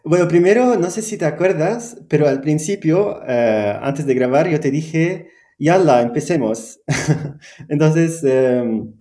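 A man's voice: a little high, lively intonation, takes it slowly, warm tone, reverberant. A man whose first language is Arabic, speaking Spanish as a guest teacher, hesitant with many fillers and frequent laughs. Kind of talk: conversational interview.

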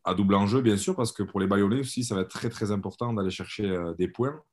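A man with a fairly low voice talks as a sports pundit. His style is casual and conversational, as in a panel discussion. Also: quick pace, a little mellow. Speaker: rugby pundit.

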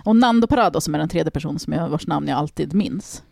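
Gravelly-voiced woman, casual podcast storyteller, lively and swearing, dry close mic. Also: low-pitched, no echo. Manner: animated, swearing, acts out quoted people. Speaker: podcast host telling a story.

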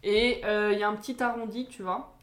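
A woman's voice: mid-range voice, steady tone, brisk. A young woman co-hosting a casual podcast, teasing and poking fun at herself. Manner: teasing, self-mocking banter. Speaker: podcast co-host. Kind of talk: casual chat among friends. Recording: roomy echo, faint noise.

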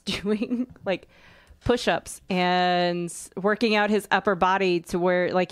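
A woman's voice: mid-range voice, clear, resonant tone, no echo. Opinionated woman co-host, dry sound. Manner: opinionated, quick to argue. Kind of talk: casual chat about fictional matchups.

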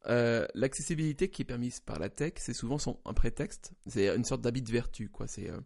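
A man with a gravelly, broken, slightly wheezy hoarse voice, talking conversationally and haltingly as he searches for words. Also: mid-range voice, animated, a little mellow. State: hoarse for a few days. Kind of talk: conversational opinion discussion.

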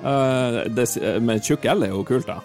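A man's voice: mid-range voice, darkish tone, faint music behind. A man with a North Norwegian accent, chatting casually as a podcast guest. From Northern Norway. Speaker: podcast guest, game creator. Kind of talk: casual chat.

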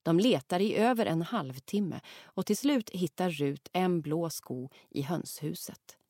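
Lively woman reading a children's story. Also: fairly low pitch, no room sound, studio quality. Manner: lively, acts out the characters' lines. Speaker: audiobook narrator.

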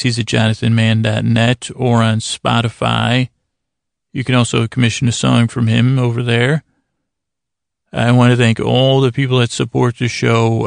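Super creaky guy doing a sleep podcast, really dry close sound, keeps repeating himself and wandering off, kinda self-deprecating. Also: mid-range voice, no echo. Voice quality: gravelly, creaky. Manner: meandering, halting, often repeating words and trailing into tangents; gently silly and self-deprecating. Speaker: podcast host. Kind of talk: rambling bedtime monologue to help listeners sleep.

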